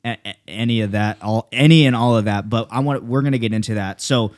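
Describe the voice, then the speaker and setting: A man's voice: fairly low pitch, fast. Casual, profane young man hosting a podcast. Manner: loose and profane, lots of fillers. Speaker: podcast host.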